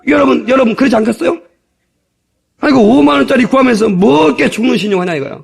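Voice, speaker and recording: A middle-aged male pastor preaching an animated, jokey sermon with shouted hallelujahs, from an old tape. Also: extremely high pitch, fast, vocal fry, breathy edge. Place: church sanctuary.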